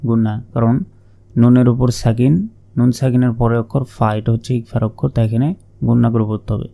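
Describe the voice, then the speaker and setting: A man teaching Quran reading, spelling out letters and vowel marks one by one, then chanting each word in a long, drawn-out melody. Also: mid-range voice, flat delivery, creaky, mellow. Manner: slow measured spelling with drawn-out melodic recitation. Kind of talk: spelling out and reciting Arabic verses.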